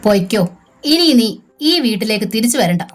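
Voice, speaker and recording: A woman's voice: a little high, very animated, normal speed. Woman playing a harsh, furious mother. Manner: scolding, harsh commands.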